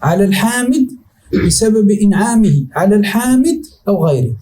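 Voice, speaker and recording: High, dark-toned sheikh teaching rhetoric. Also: male voice, lively intonation, rough recording. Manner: repeats definitions slowly, checks understanding often. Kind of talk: classroom lesson explaining a text.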